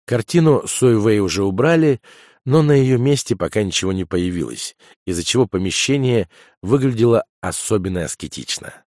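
A man narrates an audiobook in a steady, even storytelling voice sitting on the lower side. The recording is close and dry, with no room sound. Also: moderate pace, dry recording.

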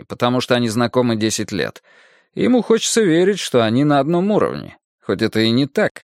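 A man narrates a detective story with a lively, swinging intonation and measured pauses. The voice is recorded dry and close, with no room sound. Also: mid-range voice, no room sound. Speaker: audiobook narrator. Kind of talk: first-person detective story reading.

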